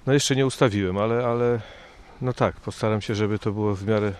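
Male amateur photographer outdoors, hesitant, lower voice. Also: steady tone, darkish tone, clean tone. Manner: halting, hesitant.

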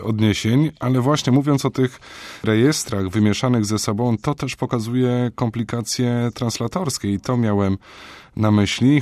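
A man's voice: mid-range voice, darkish tone, no echo. A man interviewing a guest, posing long, elaborate questions with frequent hesitations. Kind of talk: cultural radio interview.

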